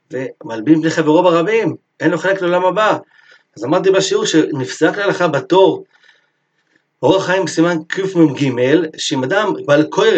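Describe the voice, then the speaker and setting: A man teaching a Torah lesson, telling a story in a lively sermon style and acting out its characters. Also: on the high side, breathy edge.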